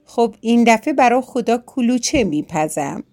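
A woman voicing a cheerful, gentle little bear cub in a children's storybook, speaking earnestly and with wonder. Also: fairly high pitch, animated.

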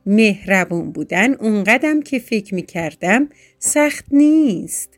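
A woman voicing a cheerful, gentle little bear cub in a children's storybook, speaking earnestly and with wonder. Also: mid-range voice, animated, close to an everyday voice. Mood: musing.

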